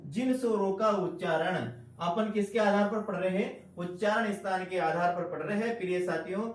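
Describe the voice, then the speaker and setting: A man's voice: sits high, distant mic. A man teaching Hindi grammar in an online exam-prep lecture, repeating key terms and asking the class questions. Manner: addresses listeners as friends, slow deliberate emphasis. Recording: echoey room, voice off-mic.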